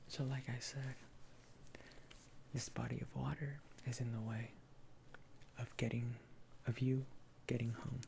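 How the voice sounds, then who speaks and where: A person in an ASMR role-play as a therapist, explaining and reassuring gently in a halting, hesitant way. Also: mid-range voice, little pitch movement, creaky, noisy background.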